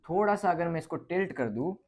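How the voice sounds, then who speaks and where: A man's voice: a little high, lively intonation, fairly quick, a little mellow. Guy teaching physics, chatty, keeps saying "ok" between steps. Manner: casual, repeats "ठीक है" and thinks aloud. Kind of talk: explaining a lecture on light.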